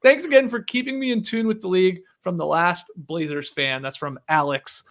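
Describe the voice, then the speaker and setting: A man's voice: high voice, moderate pace, fairly bright tone. A man hosting a podcast, reading a listener email aloud and then chatting casually with fillers. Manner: reads steadily, then chats with filler words.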